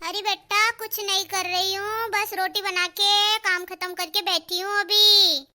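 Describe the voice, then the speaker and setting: A woman voicing a patient middle-aged mother in a cartoon, soothing and gently scolding her married daughter. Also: very high voice, flat delivery, measured pace, full character voice. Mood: calm. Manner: coaxing, keeps calling her daughter "beta". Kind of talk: cartoon dialogue.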